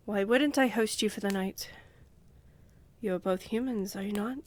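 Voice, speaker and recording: The vampire countess, played by a woman in a fantasy audio drama, sounds composed and gracious, her measured, regal delivery coolly indulgent and condescendingly affectionate. The medium-pitched, breathy voice is close to an everyday one and often drops toward a whisper, with slight background noise present.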